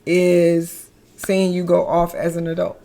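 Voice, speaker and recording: A woman's voice: lowish voice, monotone, a little slow, mellow. A middle-aged mother chatting as an interview guest, playful and laughing often, repeating words for emphasis. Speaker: guest, mother and business founder. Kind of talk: casual conversational interview.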